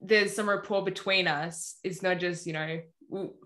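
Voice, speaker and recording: A woman's voice: lowish voice, steady tone, normal speed, a bit bright. Chatty woman guest, lots of "you know". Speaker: podcast guest. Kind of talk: casual faith podcast chat.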